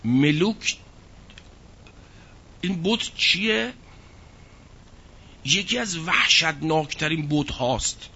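A man giving a religious lecture who recites verses slowly and explains them with rhetorical questions. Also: a little high, lively intonation, gravelly, bright, forceful tone, husky. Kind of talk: Quran exegesis lecture. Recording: dull lo-fi recording.

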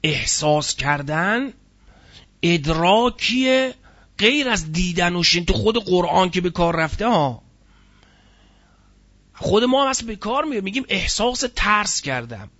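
Expressive and high-pitched, the teacher's fairly bright voice pauses often, and the recording's highs are cut off. He explains Quranic word meanings one by one, leaning on key words and asking rhetorical questions.

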